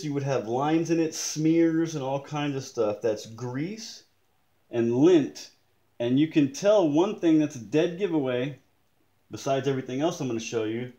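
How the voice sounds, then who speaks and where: A man walks through a show-and-tell of his watch, pointing out each detail at an unhurried pace. His voice sits at an ordinary pitch. The room adds a noticeable echo around him. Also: mellow. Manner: slow, deliberate, pointing things out, occasional frustrated mutters. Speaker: customer showing watch damage. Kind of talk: casual show-and-tell demonstration. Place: indoors at a desk in a room.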